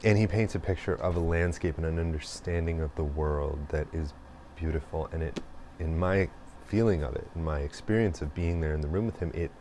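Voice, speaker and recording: A host with a very low, dark voice delivers a reflective spoken monologue, wandering slowly and pausing often before trailing off into fillers. A faint hiss runs beneath the recording.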